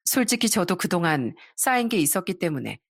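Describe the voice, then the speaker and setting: A woman's voice: fairly low pitch, very animated, a little fast, slightly rough, no room sound, clean studio sound. A woman narrating a first-person family story in a confiding storytelling manner.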